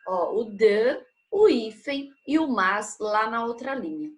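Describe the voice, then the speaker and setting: Slow, patient woman teacher. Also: a little high, animated. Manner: patient, checks in with tag questions. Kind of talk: classroom grammar lesson.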